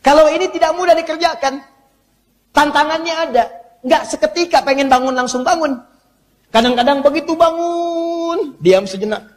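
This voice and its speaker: High-voiced male preacher in an echoing hall. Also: normal speed. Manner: animated, humorous, teasing the audience. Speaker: preacher, ustaz. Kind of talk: Islamic sermon. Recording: long hall reverb.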